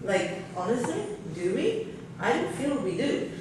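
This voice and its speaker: On a seminar panel in a large hotel conference room, a Norwegian woman thinks aloud candidly with fillers, her fairly high voice swinging widely in pitch at an unhurried pace. The table mic is far from her, so the sound is noisy and very reverberant.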